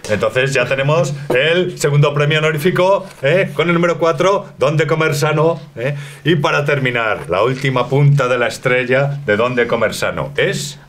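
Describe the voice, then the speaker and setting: A man's voice: on the high side, normal speed, fairly bright tone, slight background noise. A man in his thirties co-hosting with a playful, theatrical manner in a restaurant dining room, picked up by a distant camera mic. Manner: theatrical, jokey. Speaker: co-host.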